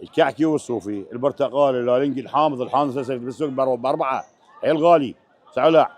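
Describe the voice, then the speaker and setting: A man's voice: mid-range voice, rapid-fire. A man with a western Iraqi Arabic accent, a produce seller listing his goods in a casual interview.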